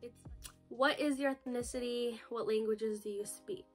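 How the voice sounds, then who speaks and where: Young woman vlogger, nervous and rambling, recorded on a phone, pitched a bit high. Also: steady tone, normal speed, soft background music. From United States. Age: 20s. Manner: nervous, chatty, full of "like" and "you know". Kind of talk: casual get-to-know-me vlog. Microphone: phone camera video.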